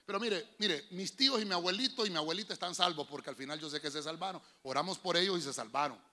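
A man preaching as a pastor with a Honduran accent, telling folksy family stories and calling the listener "hermano", building to shouted preaching. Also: fairly high pitch, fast. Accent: Honduran Spanish. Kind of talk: sermon with personal anecdotes. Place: church.

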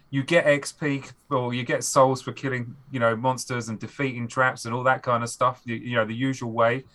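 A man's voice: medium pitch, bright, forceful tone. A man, a game designer guest on a podcast, talking animatedly and acting out players' reactions. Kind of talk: podcast conversation.

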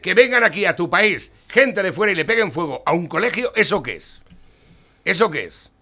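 A man's voice: sits high, lively intonation, moderate pace, pushed and bright. A man from Spain hosting a provocative political talk show, mocking and crude as he reads out headlines.

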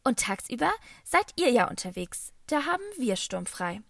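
A woman reading an audiobook, voicing a cheerful, bubbly woman in a high, sing-song, gushing voice. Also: sing-song, normal speed, gravelly, a bit bright, no room sound, full character voice. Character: cheerful bubbly woman, the narrator's aunt-like host.

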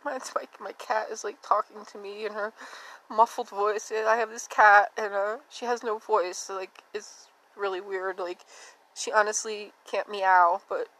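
Woman, podcast host, rambling candid monologue, subdued and unsteady, filler-heavy, middling pitch. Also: fairly even intonation, moderate pace, a bit bright, low-quality recording. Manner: rambling and confessional, with frequent fillers.

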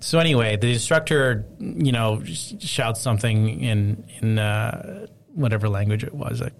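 A man telling a long personal story in casual chat, rambling and animated, full of fillers. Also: medium pitch, normal speed, vocal fry, a little hiss or hum.

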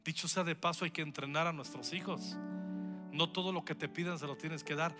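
A man preaching a lively sermon to his congregation. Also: a little high, a little fast, over music. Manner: lively preaching with acted-out quotes. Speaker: pastor.

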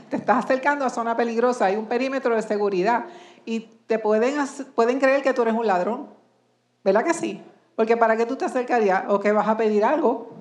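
Woman preacher, slightly high voice, questioning, reverberant church hall. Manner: asks the congregation many rhetorical questions. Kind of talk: sermon.

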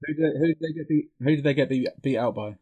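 A man's voice: on the high side, quick pace, warm tone, husky, lo-fi sound. A British man hosting a sports podcast in a chatty, informal way. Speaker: main podcast host. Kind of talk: casual sports podcast chat.

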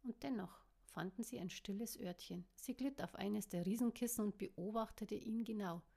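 A woman's voice: medium pitch, moderate pace, vocal fry, dark tone, breathy edge. A woman reading her own novel aloud in plain narration with the odd small slip.

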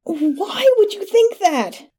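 A woman reading the part of a resentful young man in a dark sci-fi audio story, who ends up screaming in pain. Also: medium pitch, animated, moderate pace, close to an everyday voice. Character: hurt, bitter young man, coworker turned victim.

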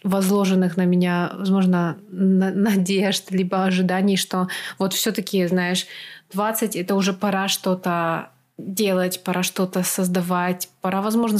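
A woman hosts an interview podcast, asking reflective questions. Her intonation stays flat and even. She hums softly along while her guest is talking. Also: medium pitch, normal speed. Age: adult over twenties. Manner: reflective, frequent soft backchannel hums. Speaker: podcast host.

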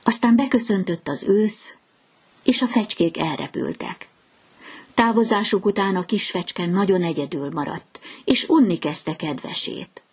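A woman reading a fairy tale aloud in a gentle, measured storytelling voice. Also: medium pitch, husky.

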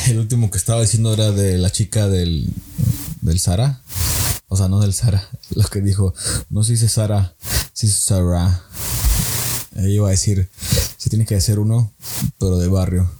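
A man's voice: sits low, noisy background. A young man with a Mexican accent, hosting a casual solo podcast, joking around, mimicking people and laughing often. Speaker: podcast host.

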